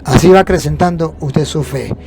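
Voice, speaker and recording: Emphatic higher-voiced priest preaching. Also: male voice, moderate pace, creaky. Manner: emphatic, asks and answers his own rhetorical questions. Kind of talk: preaching on faith, question-and-answer teaching. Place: inside a moving bus.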